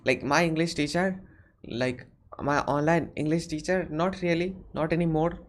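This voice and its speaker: A young man with an Indian accent hosts a casual live Q&A stream, answering viewer questions in a rambling way full of fillers and restarts. His voice sits fairly high, with fairly even intonation and a moderate pace.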